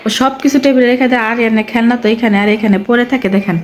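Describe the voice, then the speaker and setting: A hoarse woman, chatting casually to viewers in a home vlog as she tends her small children. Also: fairly high pitch, fairly even intonation, rapid-fire, rough recording. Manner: chatty, talks to viewers and coaxes her toddler. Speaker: vlogger and mother.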